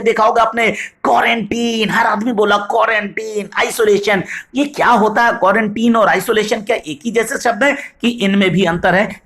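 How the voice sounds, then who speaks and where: A man's voice: high voice, fairly bright tone. Man teaching vocabulary. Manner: explains patiently, slows down when reading English examples; addresses viewers as "sahab", frequent "right?". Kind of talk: video vocabulary lesson.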